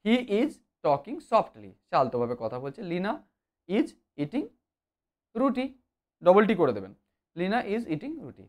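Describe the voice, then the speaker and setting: Grammar teacher for a kids' lesson; lively, sing-song delivery, fillers, repeats points. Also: medium pitch, takes it slowly, pauses often. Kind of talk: explanatory online lesson.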